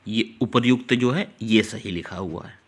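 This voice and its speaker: Man teaching, slowly spelling out words. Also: fairly low pitch. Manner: explains step by step, repeats key words slowly; talks directly to students, urging them to note things down. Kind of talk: exam-prep grammar lesson.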